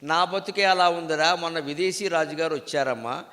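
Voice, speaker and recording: A man's voice: on the high side, normal speed, fairly bright tone, close to an everyday voice. A man doing a sorrowful neglected queen mother. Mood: resigned. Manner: sad, resigned. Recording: long hall reverb.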